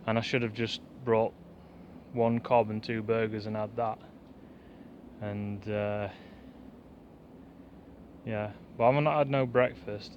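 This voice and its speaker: A man chatting fast and rambling to the camera in a pine woodland, like a bushcraft vlogger. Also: fairly low pitch, slight background noise. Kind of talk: casual rambling chat to camera. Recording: dull lo-fi outdoor recording, faint woodland ambience.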